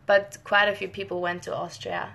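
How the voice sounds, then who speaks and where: Her voice sits mid-range, gravelly and bright, at a level tone and normal speed, with a forceful edge. A young native-Italian scientist from the north of Italy, she answers viewers in a casual live Q&A, chatty and friendly, with lots of restarts and quick laughs.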